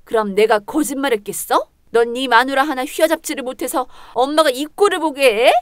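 A woman voicing a harsh, scornful older mother-in-law in a dramatized story reading, speaking in a sharp, belittling way. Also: high-pitched, fairly quick, smooth, dry recording, studio quality, natural voice. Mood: complaining.

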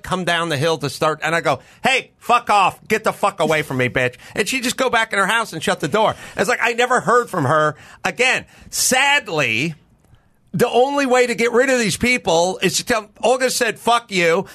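A man's voice: sits high, bright, forceful tone. A man hosting a podcast, telling rambling stories in casual chat, profane and ranting. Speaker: podcast host.

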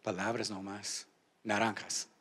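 A male pastor, somewhat slow and level in tone, preaches a sermon in a church auditorium. He guides call-and-response and swings from shouting to low asides.

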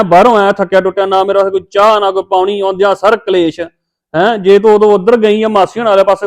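A man's voice: high voice, lightly acted. An actor playing a hot-tempered husband who berates his wife in a family drama skit, harsh and bossy. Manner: harsh, berating, shouting orders.

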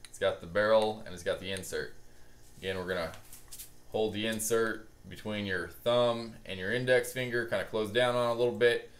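A man's voice: on the low side, steady tone, moderate pace, fairly bright tone. A young man giving a casual, laid-back and reassuring how-to talk as a hunting-call instructor. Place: garage with boat and hunting gear. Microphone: camera a few meters away. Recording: echoey garage, noticeable background noise.

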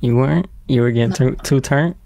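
A man's voice: mid-range voice, fairly quick, creaky, mellow, a little hiss or hum. A man of twenty-three from Michigan, chatting on a livestream in a laid-back, agreeable and amused way, recorded indoors on a phone. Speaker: livestream guest. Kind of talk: casual livestream chat. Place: room indoors.

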